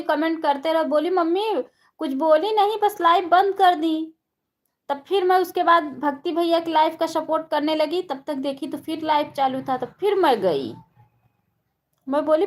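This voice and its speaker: A high-voiced young woman chatting on a live stream while doing her household chores. She greets each viewer by name in a friendly, running patter and talks casually throughout. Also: a bit bright.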